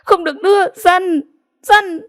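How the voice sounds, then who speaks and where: A woman voicing a beaten, despairing young village woman whose speech turns high and pleading. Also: moderate pace, a little mellow, lightly acted. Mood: desperate. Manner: pleading and broken, high-pitched cries.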